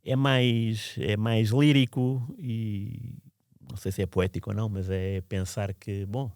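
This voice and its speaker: A man's voice: fairly low pitch, fairly even intonation, a little slow, creaky, a little mellow, no room sound, clean studio sound. A man who recalls events in a casual, reflective, meandering way, often restarting his sentences. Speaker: podcast storyteller. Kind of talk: casual spoken recollection.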